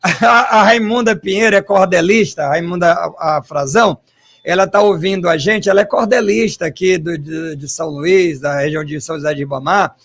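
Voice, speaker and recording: A man hosting an interview, a historian who thinks out loud and asks questions in long, winding stretches. His voice sits high and carries a rough, gravelly texture. He talks with animated asides and rhetorical questions. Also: brisk. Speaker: host and historian.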